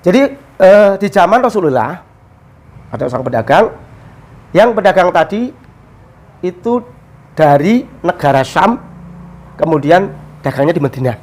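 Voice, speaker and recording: High-voiced man telling a religious story. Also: a little slow, pauses often. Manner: storytelling, mixes Arabic quotes with explanation, animated. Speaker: religious teacher. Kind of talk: casual religious discussion.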